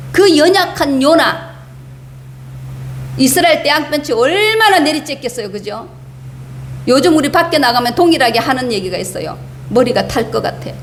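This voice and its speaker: High-voiced woman pastor preaching, echoey. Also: slight background noise. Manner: emphatic, asks the congregation rhetorical questions; acts out the prophet's complaints in quoted speech. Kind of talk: sermon. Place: church sanctuary.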